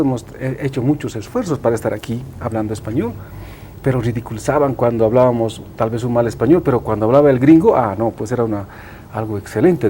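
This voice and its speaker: An Aymara-speaking man, appearing as an interview guest, explains things in an emphatic, teaching manner, repeating himself and seeking agreement. His medium-pitched voice is mellow, with slight noise in the background.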